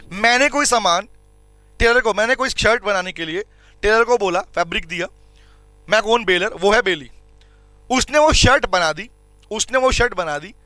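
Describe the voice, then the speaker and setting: A man's voice: very high-pitched, bright, forceful tone, no room sound. A man teaching commerce law in a classroom lecture, explaining with everyday examples, questioning his students and repeating key points. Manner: addresses students as beta and bhai, repeats points; reads English legal lines slowly and deliberately.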